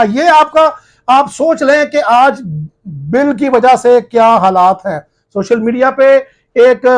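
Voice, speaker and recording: A male journalist from Pakistan, addressing viewers in a forceful, accusing, challenging tone. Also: high voice.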